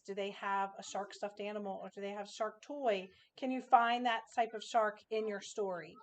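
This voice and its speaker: A woman teacher giving an informal instructional presentation to parents, explaining with example questions. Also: fairly high pitch.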